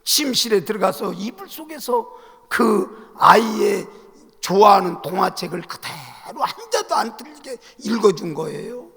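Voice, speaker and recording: A male senior pastor delivering a Sunday sermon in a church sanctuary, preaching emphatically and swelling into loud calls to the congregation. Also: high voice, very animated, measured pace, gravelly. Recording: long reverb of a church hall.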